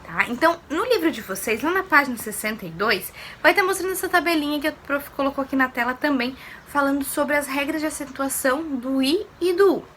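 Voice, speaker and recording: A woman's voice: sits high, expressive, fairly quick, hardly any pauses, a bit bright, a little hiss or hum. A woman teacher giving a recorded lesson to primary pupils, explaining patiently step by step and asking them questions.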